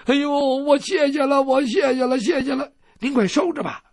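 A man's voice: very high voice, normal speed, no room sound, clean studio sound, voice pushed up. A man playing a flustered old woman. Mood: flustered gratitude. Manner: flustered, stammering. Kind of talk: traditional Chinese storytelling.

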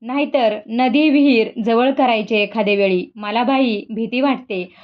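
A woman voicing an anxious village mother, worried pleading tone, high voice, muffled lo-fi sound. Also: measured pace, close to an everyday voice. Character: frightened middle-aged mother, anxious. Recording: dull lo-fi recording.

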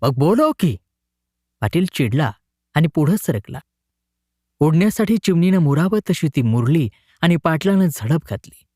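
A man narrating a short story in a dramatic, expressive reading. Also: on the high side, normal speed, no echo, studio quality.

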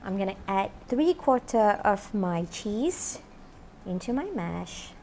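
In a home-style kitchen studio, a woman in her thirties hosts a cooking show, chatting upbeat to camera and saying "you know" a lot as she cooks. Her voice is medium-pitched, expressive, slow and a little mellow, picked up on a lapel mic with slight background noise.

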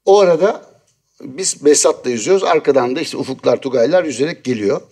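A man hosting a talk show, telling a story in an animated, exasperated way. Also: mid-range voice, fast talker, husky. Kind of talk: casual chat, telling a story.

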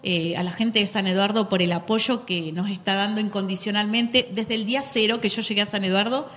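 A middle-aged Argentine woman who teaches economics speaks earnestly as a guest in a studio interview, using lots of fillers. Her Argentine Spanish-accented voice is medium-pitched, steady, brisk and a bit bright, picked up by a handheld mic in a large hall.

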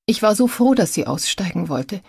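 A woman's voice: mid-range voice, sing-song, moderate pace, creaky, darkish tone, slightly rough, dry recording, clean studio sound, heavily acted. A woman reading an audiobook, voicing a grieving adult daughter who speaks in an earnest, strained way.

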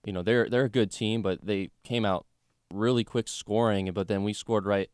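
A man's voice: on the low side, fairly even intonation, normal speed, a little mellow, no echo, clean studio sound. A young man co-hosting a college sports podcast, chatting about games in a loose, joking way with lots of fillers. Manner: chatty, jokey, lots of fillers like "you know" and "like". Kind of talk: casual sports chat.

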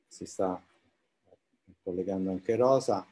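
A man's voice: deep voice, slow, background noise. A man hosting an informal live interview, with hesitant, roundabout phrasing. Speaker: interview host.

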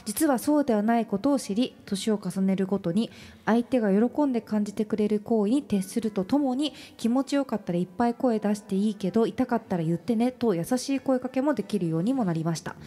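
A woman co-hosting a radio show, reading a listener's letter aloud and reacting with quick laughs. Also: medium pitch, mellow. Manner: laughs easily, brief reactions. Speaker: radio co-host. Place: radio studio.

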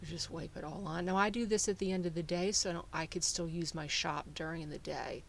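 A woodworking channel host talking through a how-to in a relaxed, explanatory voice-over with frequent fillers. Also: medium pitch, fairly quick, vocal fry, slight background noise. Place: small woodworking shop.

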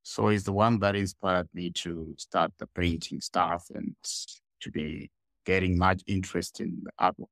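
A man from Zimbabwe speaks over a headset on a video call, his voice very low and deep. He talks haltingly, repeating words as he looks for them, and the sound is dry and close with no room echo. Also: flat delivery, creaky, fairly bright tone. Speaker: guest artist. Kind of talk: casual interview on a video call. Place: small room indoors.

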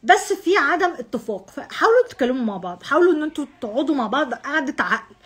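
A woman's voice: high voice, very animated, rapid-fire, fairly bright tone. A woman with an Egyptian accent, an astrologer giving a casual monthly horoscope reading, talking straight to the viewer, repeating herself and dropping English phrases. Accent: Egyptian Arabic. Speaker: astrologer host.

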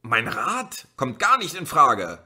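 A stubborn little boy protesting in a raised, whiny voice, as a male narrator plays him. The voice sits far above the reader's own and comes out bright and pushy. It is read as an audiobook. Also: fairly high pitch, huge pitch swings, slow, breathy edge, voice pushed up, full character voice. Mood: indignant whining. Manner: protesting, indignant.

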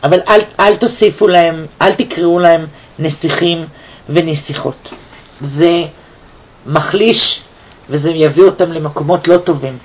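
Man, high-pitched, Torah teacher, rhetorical questions, lively delivery, muffled lo-fi sound. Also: breathy edge. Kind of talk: weekly Torah portion lesson. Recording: dull lo-fi recording.

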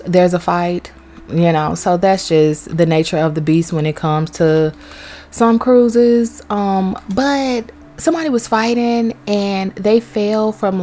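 Brief: woman vlogger, casual storytelling, animated and chatty, swears freely. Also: mid-range voice. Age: young adult to middle-aged, has a son. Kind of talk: casual storytelling over gameplay.

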